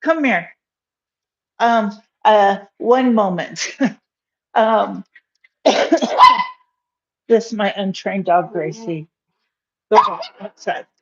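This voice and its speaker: Her mid-range voice is very slow with long pauses as this woman in her fifties runs a casual live cooking stream at home. She rambles, laughs a little and uses many fillers, and the phone camera on her counter gives a dull, lo-fi sound.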